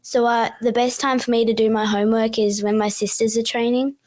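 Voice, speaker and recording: A young Australian girl from Perth with a fairly high voice answers interview questions. Her replies are short, earnest and a little careful. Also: flat delivery, a little fast, a little mellow. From Perth, Western Australia. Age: child. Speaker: young guest.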